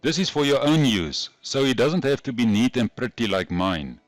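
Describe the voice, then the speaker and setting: A man's voice: mid-range voice, big pitch swings, moderate pace, no echo, soft background music. A man with a broad Afrikaans South African accent, narrating a scripted programming lesson in a methodical, instructional way. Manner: methodical, instructional, carefully explained. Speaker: programming tutorial host.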